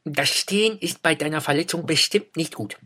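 A man voicing a small, quick, fussy but kind male hare in a read-aloud story, in a high, excited voice. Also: breathy edge. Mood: caring.

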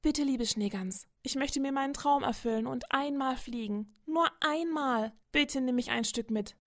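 A woman's voice: high voice, moderate pace, fairly bright tone, no room sound, voice pushed up. Woman doing a small pleading mouse. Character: small brave male mouse dreaming of flight.

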